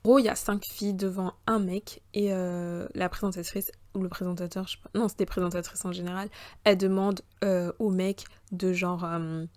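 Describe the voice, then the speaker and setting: A woman's voice: lowish voice, flat delivery, moderate pace, a little mellow, no echo. A woman in her twenties from the Republic of the Congo and the Central African Republic, hosting a casual solo podcast in a chatty, slangy way. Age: 20s. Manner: chatty, slangy, swearing on her mother, switching into voices. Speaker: podcast host.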